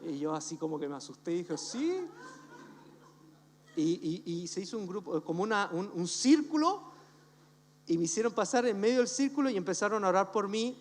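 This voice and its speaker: Pastor, man, high voice, playful storyteller; church hall reverb. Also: fairly quick, a little hiss or hum. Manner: animated storytelling, jokes, acts out voices. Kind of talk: humorous sermon.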